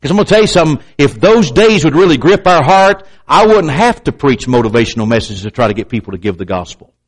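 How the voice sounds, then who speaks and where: A very animated man talks fast over a rough recording, preaching a sermon with emphatic, repetitive pulpit delivery and pointed asides to the congregation. A slight stutter makes him catch and clamp up on words now and then, and he mimics doubters in a raised pitch.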